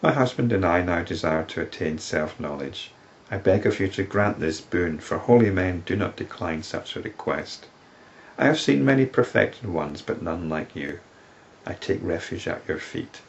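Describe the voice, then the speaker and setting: A man's voice: low voice, expressive, moderate pace, creaky, muffled recording. A man reading out the words of an imploring woman seeker from a sacred text, in earnest recitation. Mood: pleading.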